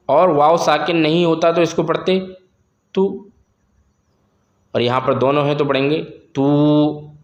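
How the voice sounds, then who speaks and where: A man's voice: a little high, reverberant. A man teaching Quran reading, drawing out each syllable and repeating the sounds for learners. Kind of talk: slow, step-by-step recitation lesson.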